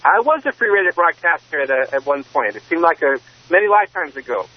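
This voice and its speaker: A man calling in over a phone line from his car, speaking slowly and politely with some hesitation. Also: fairly high pitch, big pitch swings. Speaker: caller. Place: driving car.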